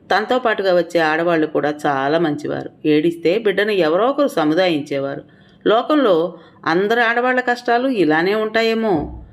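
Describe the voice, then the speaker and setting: A woman with a notably low voice narrates an audio story. Her storytelling is steady and earnest, read from a script.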